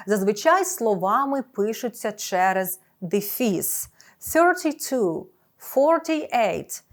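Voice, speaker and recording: A woman teaching an English lesson in a scripted video, speaking clearly and slowing down for each English example. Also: medium pitch.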